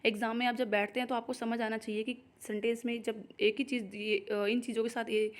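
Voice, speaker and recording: A woman's voice: fairly high pitch, level tone, fairly quick. A young Indian woman teaching an exam-prep grammar lesson, explaining step by step and often checking in with "okay". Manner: explanatory, repeats "ठीक है" to check understanding. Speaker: English teacher.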